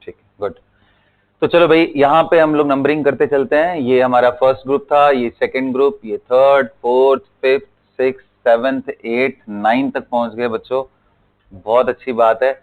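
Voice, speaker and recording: A man teaching a chemistry lesson, slowly drilling element names and repeating them so students can follow, mixing in English terms. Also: medium pitch, steady tone. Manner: mixes Hindi with English terms, calls students beta. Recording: tinny phone-like audio.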